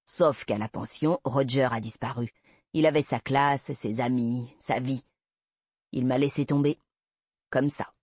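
A man voicing an obsessive, creepy man who slowly confesses to a kidnapping, in a soft, unsettling manner. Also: medium pitch, steady tone, breathy edge, no room sound. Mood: cold recounting. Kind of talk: audiobook reading.

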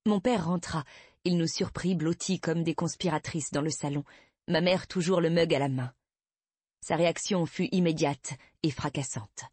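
Low husky woman reading a story. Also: darkish tone, no room sound. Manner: measured, intimate storytelling. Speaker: audiobook narrator. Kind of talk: first-person literary narration.

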